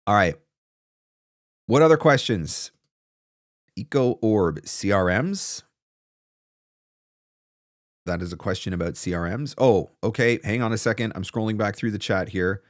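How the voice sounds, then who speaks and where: A man in his forties, a livestream host and voice-over coach, gives casual advice into a close desktop broadcast mic in a small home studio, repeating points for emphasis. His lowish voice is animated and measured, with frequent pauses and a dry sound.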